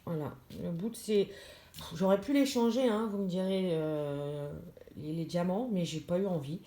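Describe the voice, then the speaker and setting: A woman's voice: on the low side, normal speed, warm tone. A woman vlogger chatting casually to camera as she unboxes a diamond painting kit, with many fillers and restarts. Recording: echoey room, clear background noise.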